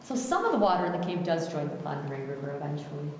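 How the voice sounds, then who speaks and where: A woman's voice: low-pitched, big pitch swings, racing. A woman working as a tour guide, giving an informal guided tour inside an echoing cave, pointing things out and instructing her group. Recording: echoing cave reverb, distant muffled mic, faint noise.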